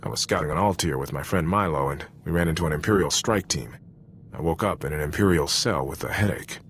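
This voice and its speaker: In cinematic video game voice acting, a man plays an earnest, loyal Republic soldier, speaking frankly in an informal, sincere military manner with a confiding, troubled mood. His bass voice is fairly bright and he talks fast, with slight background noise.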